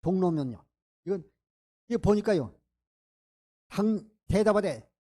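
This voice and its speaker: A man's voice: high voice, lively intonation, fairly quick, warm tone. A male pastor preaching a sermon, emphatic and full of rhetorical questions to his congregation.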